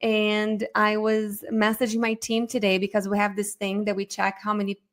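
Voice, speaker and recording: A woman's voice: mid-range voice, monotone, normal speed, reverberant. Upbeat Brazilian-born woman hosting a webinar. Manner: chatty and upbeat, thinking aloud while fixing screen sharing. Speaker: myofunctional therapist hosting a live webinar. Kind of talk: casual live-stream presentation.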